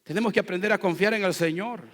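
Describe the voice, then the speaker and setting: A man preaching a sermon as pastor, leading the congregation in call-and-response and swinging between quiet asides and loud, fervent exhortation. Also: sits high, fast. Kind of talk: Spanish-language church sermon. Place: church sanctuary. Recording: long reverb of a church hall.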